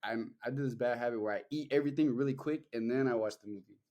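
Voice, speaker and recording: Talking fast in a slightly mellow, mid-pitched voice, a young man hosts a podcast and rambles casually with plenty of filler words and cursing. The sound is lo-fi.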